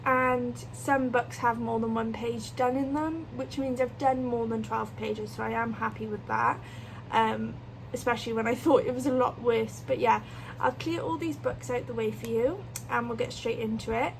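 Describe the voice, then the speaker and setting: A British woman talks in a casual, chatty vlog style. Her voice sits a little high and often crackles with vocal fry. A fan hums faintly behind her as she speaks. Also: fairly even intonation, moderate pace. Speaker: colouring channel host. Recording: clear fan noise behind voice. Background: electric fan.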